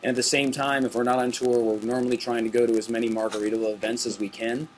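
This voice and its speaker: Reading out viewer questions on his casual backstage webcast, a middle-aged host keeps things easygoing and chatty, laughing in between. His mid-range voice is flat and quick, and a little hiss or hum is audible.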